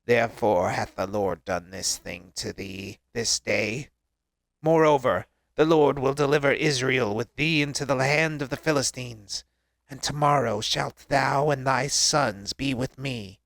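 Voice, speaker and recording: A man's voice: mid-range voice, measured pace, creaky, a bit bright, dry recording. Casting: man putting on a grim undead old prophet, growled and solemn, dry close sound. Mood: ominous. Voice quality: strained, throaty growl.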